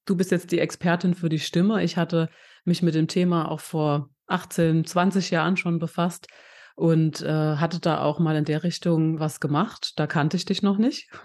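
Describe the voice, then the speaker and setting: A podcast host at a middle pitch talks with a guest expert. The host speaks in a reflective, conversational manner and adds personal experience between questions.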